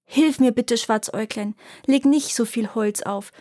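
A woman voicing a frightened young girl who pleads softly, in a storybook reading. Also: fairly high pitch, measured pace, no echo, studio quality, voice pushed up, close to an everyday voice. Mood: pleading.

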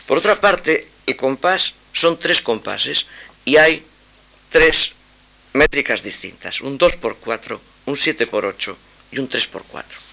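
A man lectures on his own opera with a bright, clear-edged voice. He talks at a medium pitch, weighing each phrase analytically. Small hesitant fillers break up his explanations. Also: lively intonation. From Spain. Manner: measured and thoughtful, hesitant fillers between phrases.

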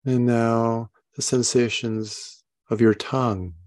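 A man leading a guided meditation, giving gentle, unhurried instructions and soft questions. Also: medium pitch, flat delivery. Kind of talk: guided meditation, body scan.

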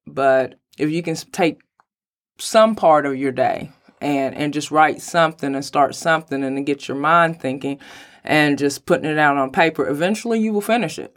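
A woman with a hoarse voice, sick lately, talking casually and emphatically as an interview guest about her own work. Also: sits low. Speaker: podcast guest, writer.

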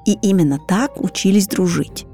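A woman's voice: mid-range voice, normal speed, mellow. A woman giving explanatory, scripted documentary narration. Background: background music.

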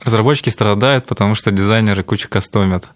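A man with a low-pitched voice gives casual interview answers. The sound is very dry, and he talks like a team lead explaining his work. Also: quick pace, no room sound. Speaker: software development lead being interviewed.

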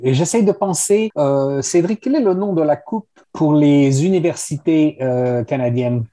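A man's voice: fairly high pitch, measured pace, dark tone. A man playing a radio quiz over a video call, chatty and repeating himself. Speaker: quiz contestant.

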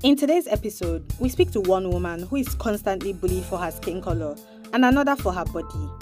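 A woman hosting a podcast, narrating in a reflective, measured scripted style. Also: medium pitch, animated, music in the background. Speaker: podcast host.

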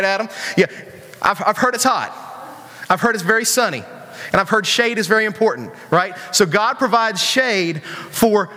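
A man giving a casual, playful sermon to a youth group, acting out voices as he talks. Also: sits high. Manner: animated, playful, acts out voices. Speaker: youth pastor. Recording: long hall reverb.

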